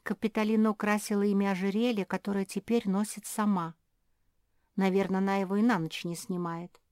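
A woman's voice: mid-range voice, level tone, brisk, a little mellow, no room sound, studio quality, natural voice. A woman reading aloud and voicing a thoughtful, reasoning pug sister. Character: thoughtful sensible eldest female pug.

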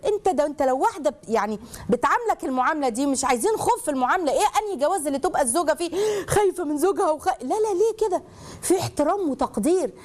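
A woman with an Egyptian Arabic accent hosting a casual advice talk, lively and animated, acting out quoted people and dropping laughing asides. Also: high-pitched. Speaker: host giving marriage advice.

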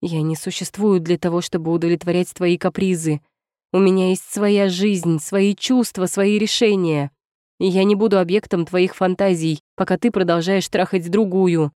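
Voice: mid-range voice, steady tone, normal speed, dark tone, no echo, lightly acted. A reader voicing an angry young woman in an audiobook, heated and accusing, with a dry, close sound. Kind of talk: audiobook character reading.

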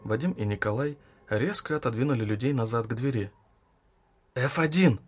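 A man narrating an audiobook in an even, measured reading. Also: medium pitch.

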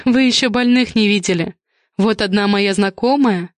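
A poised young woman who speaks gently and persuasively, as the woman reader voices her. The voice stays near the reader's own, with a mid pitch and a dry, close sound. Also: moderate pace, no echo, close to an everyday voice. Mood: gentle. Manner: soft, smooth and persuasive.

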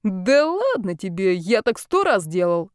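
A woman doing a smooth-talking young guy. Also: mid-range voice, big pitch swings, unhurried, no room sound, clean studio sound. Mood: casual.

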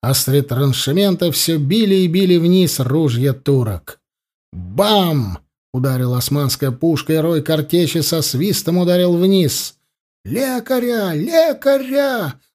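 A man reading a novel aloud as an audiobook narrator, in steady storytelling and voicing the sound effects himself. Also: fairly high pitch, normal speed, hardly any pauses. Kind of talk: scripted narration of a war novel.

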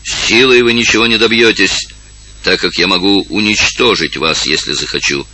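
Stern male duke, as a reader voices him, threatening, commanding, low, bright. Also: moderate pace, no echo. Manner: cold, commanding.

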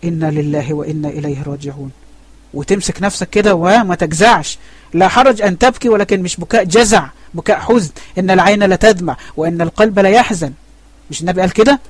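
Fast-talking Egyptian man teaching a lesson. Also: high voice, dry recording. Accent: Egyptian Arabic. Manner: asks questions and answers them himself. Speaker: religious teacher. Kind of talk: online religious lesson. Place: online voice chat room.

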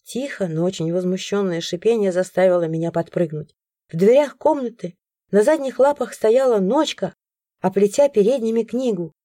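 A woman narrating a first-person audiobook in an expressive storytelling manner. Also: mid-range voice, normal speed, no room sound, studio quality.

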